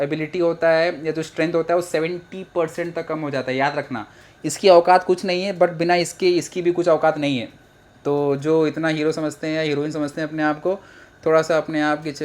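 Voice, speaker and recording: Young guy teaching biology, kinda high voice, chatty, cracks jokes. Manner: chatty, joking, mixes English phrases into Hindi. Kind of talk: casual exam-prep lecture.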